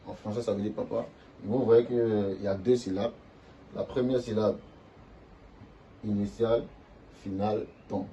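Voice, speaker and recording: A man's voice: fairly low pitch, fairly even intonation, a little slow, pauses often, warm tone, muffled recording, slight background noise. A man teaching a language lesson to viewers, explaining step by step and drawing out syllables to demonstrate tones.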